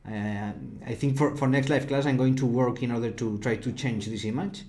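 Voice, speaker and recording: Speaking at a moderate pace, this man has a mid-range, slightly mellow voice with fairly even intonation. He's a Spanish robotics instructor from Spain running a live online programming class, chatty and repetitive, and he answers questions from the viewer chat.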